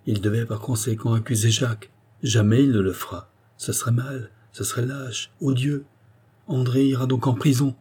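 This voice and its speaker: A man's voice: mid-range voice, fairly even intonation, moderate pace, dark tone, breathy edge, voice pushed up, close to an everyday voice. A man reading a novel aloud, voicing a distressed young woman who pleads earnestly for her brother. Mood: anxious pleading.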